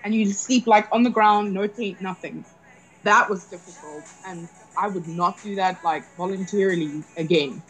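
A woman's voice: medium pitch, normal speed, soft background music, poor audio. A woman co-hosting a casual chat show, talking emphatically and repeating phrases as she banters. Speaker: show co-host.

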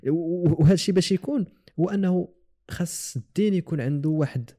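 A man's voice: high voice, fast talker, warm tone. A man with a Moroccan Arabic accent hosting a casual, reflective conversation, repeating words as he searches for phrasing. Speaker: podcast host.

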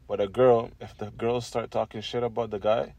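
A man's voice: fairly low pitch, flat delivery, moderate pace, darkish tone. A young man co-hosting a podcast, giving blunt, joking opinions with slang in casual chat. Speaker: podcast co-host.

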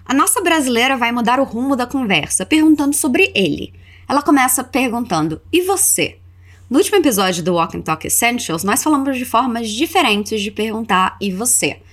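A woman teaching English to Portuguese speakers, switching between quick explanation and slow, drawn-out model phrases to repeat. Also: fairly high pitch, expressive, fairly bright tone.

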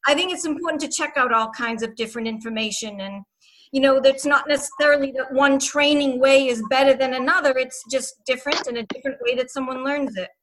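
A woman with a Boston accent guesting on a podcast panel over a video call, bubbly and excitable. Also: sits high, brisk, poor audio. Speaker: guest, author and trainer. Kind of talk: casual panel chat.

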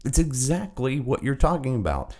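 A man hosting a casual opinion show, talking in a halting but emphatic way with a noticeable hallway-like room echo. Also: medium pitch, very animated, a little mellow. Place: temporary indoor room while travelling. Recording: echoey room.

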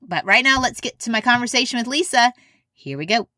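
A woman hosting a faith and parenting podcast in an upbeat, chatty way, greeting listeners with lively warmth. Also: fairly high pitch, no echo, clean studio sound. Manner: warm and chatty, drawn-out greetings. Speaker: podcast host.

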